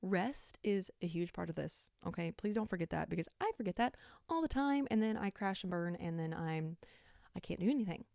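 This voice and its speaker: A woman hosting a casual Bible study talk, talking fast and chatty with lots of "like", earnest and upbeat. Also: fairly low pitch, expressive, vocal fry, a little mellow, no echo, studio quality. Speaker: podcast host.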